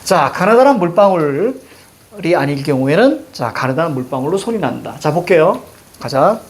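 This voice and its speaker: A middle-aged man with a Seoul accent runs a lively Korean language class, joking with students in an animated way and repeating cue words. His voice is a little high and his pace moderate.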